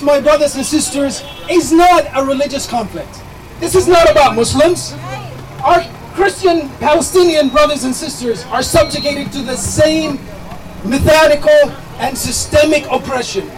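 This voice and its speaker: A man's voice: extremely high pitch, low-quality recording. A man giving an impassioned speech at an outdoor protest rally, with heavy repetition and call-and-response. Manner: rhetorical repetition, leads chants. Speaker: rally speaker.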